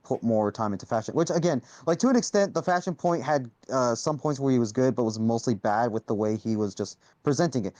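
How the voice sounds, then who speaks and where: A man's voice: medium pitch, mellow, no echo. Young male debater, casual, hedges and says "right?" a lot; dry, close recording. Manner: hedging, restarts often, says "right?".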